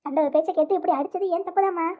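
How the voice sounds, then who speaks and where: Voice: very high voice, fairly even intonation, very fast. A performer voicing a loving middle-aged mother who coaxes and apologizes affectionately. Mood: remorseful. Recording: tinny phone-like sound.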